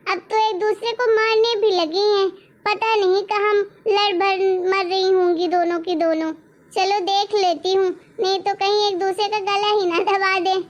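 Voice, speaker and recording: A woman's voice: extremely high pitch, flat delivery, unhurried, dull audio. A woman voicing a complaining older mother-in-law in a cartoon story. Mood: fretful. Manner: complaining, scolding.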